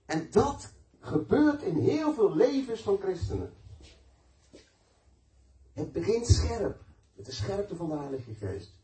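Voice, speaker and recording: A man's voice: high voice, very animated, slow pace, pauses often, dark tone. A man preaching a sermon, telling stories in a conversational, emphatic way and mixing in personal testimony. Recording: echoey room, mic at a distance.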